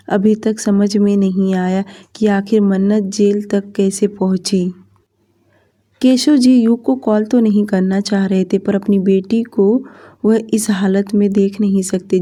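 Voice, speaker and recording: A woman narrating a romance audiobook story in a slow, even, subdued reading. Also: mid-range voice.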